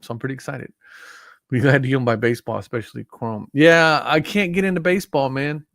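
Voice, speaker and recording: A man's voice: medium pitch, fairly even intonation, fairly quick, creaky, fairly bright tone, no room sound, clean studio sound. Forty-something man rambling on a live stream. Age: 40s. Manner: rambling, frequent fillers and restarts. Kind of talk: casual live stream chat.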